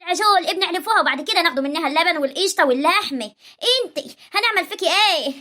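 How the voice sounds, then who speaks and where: A woman's voice: extremely high pitch, animated, racing, pushed and bright, exaggerated voice. A woman with an Egyptian accent putting on a nagging village mother who scolds her idle daughter in an exasperated way. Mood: scolding. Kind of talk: amateur village drama acting.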